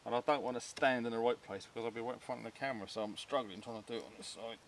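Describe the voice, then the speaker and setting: A man's voice: medium pitch, racing, a little hiss or hum. A British man chatting casually outdoors in a blokey, jokey, slangy way while trying out gear. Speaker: outdoor bushcraft vlogger. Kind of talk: casual chat while testing a knife. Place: outdoors among trees and undergrowth.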